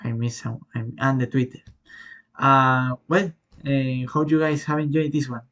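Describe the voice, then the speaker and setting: A man from Spain with a Spanish accent, answering viewer questions in a casual, halting way with many fillers and self-corrections. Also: mid-range voice, little pitch movement, a bit bright, dull audio. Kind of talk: casual Q&A vlog.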